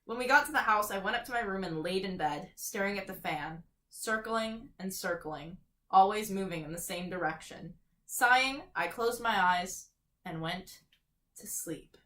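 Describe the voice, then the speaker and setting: A woman's voice: mid-range voice, normal speed, bright, forceful tone, slight background noise. A woman reading a horror story aloud in an amateur, casual way. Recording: echoey room.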